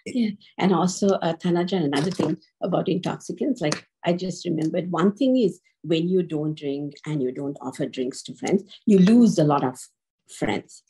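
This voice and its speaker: A woman in a Dharma chat, speaking haltingly while searching for words on a video call. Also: fairly low pitch, warm tone, slight background noise.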